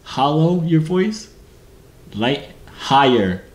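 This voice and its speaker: A man's voice: on the high side, extremely slow. A man in his twenties with an American accent, chatting casually and slangily as a video host. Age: 20s. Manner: animated, slangy. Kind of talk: casual vlog chat. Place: indoor home gym, seated before camera. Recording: echoey room, clear background noise.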